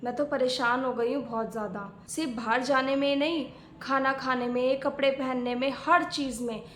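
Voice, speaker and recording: A woman's voice: high-pitched, steady tone, normal speed, slight background noise, natural voice. A woman playing a young married daughter who complains in a chatty way about her strict in-laws, in a family skit. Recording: echoey room.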